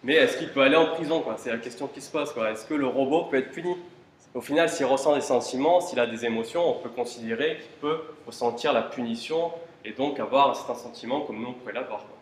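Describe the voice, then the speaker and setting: A man's voice: medium pitch, fairly quick, slight background noise. A man giving an informal talk at a tech conference, asking the audience rhetorical questions and dropping casual fillers. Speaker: conference speaker. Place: conference room. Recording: roomy hall with faint ambience.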